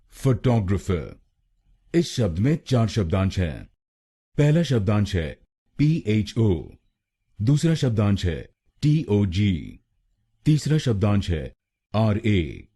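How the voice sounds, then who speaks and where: Slow, dark-voiced male pronunciation tutor. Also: lowish voice, slightly rough. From India. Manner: slow, syllable-by-syllable instruction. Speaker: pronunciation teacher.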